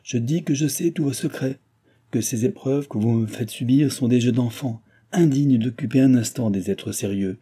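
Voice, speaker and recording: A man voicing a calm, disdainful, mysterious male stranger in an audiobook, with a husky voice and a proud, defiant, commanding manner. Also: medium pitch, normal speed, pitched above the performer's own voice, close to an everyday voice. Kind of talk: audiobook reading.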